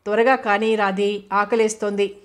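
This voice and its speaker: A woman's voice: mid-range voice, flat delivery, normal speed, natural voice. Woman reading a terse reserved young husband. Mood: dry.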